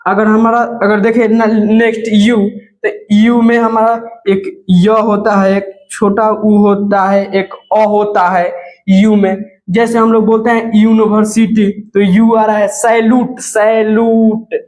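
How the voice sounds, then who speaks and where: A man with a high voice teaches English letter sounds to beginners. He talks slowly and patiently, saying each example word two or three times. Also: a little mellow, low-quality recording. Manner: slow, repeats example words several times. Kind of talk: classroom lesson on letter sounds.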